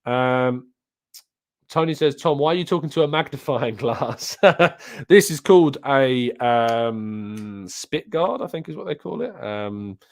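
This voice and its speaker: Male British football show host, conversational and opinionated, mid pitch, close-miked in a very dry soundproofed room. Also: animated, slow, no echo. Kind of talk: casual live chat, reading and answering viewer comments. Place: soundproofed home studio setup. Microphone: close studio microphone on an arm with pop filter.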